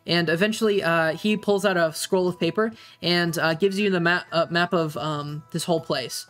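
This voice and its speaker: Halting game master over soft music. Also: mid-range voice, fairly even intonation. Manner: hesitant, halting, searching for words. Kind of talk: improvised tabletop game narration.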